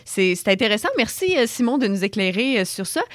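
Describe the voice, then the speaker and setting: Fast-talking Quebec woman host. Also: mid-range voice, lively intonation, no room sound, studio quality. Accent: Quebec French. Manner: quick, engaged, asks questions. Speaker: talk show host. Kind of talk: casual radio talk.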